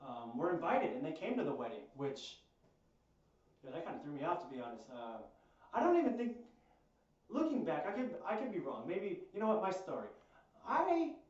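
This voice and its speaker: A man telling a personal story in a rambling, animated way, swearing at times. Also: a little high, heavy reverb, recorded from a distance, dull audio. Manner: rambling, animated, swears, acts out quoted voices. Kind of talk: casual storytelling.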